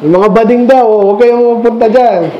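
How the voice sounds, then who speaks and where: A male pastor with an extremely high voice preaches a casual Sunday evening sermon a little fast, talking conversationally and putting questions to the children in his congregation. A crowd can be heard in the background of this echoey, dull, lo-fi recording from a small church mission hall.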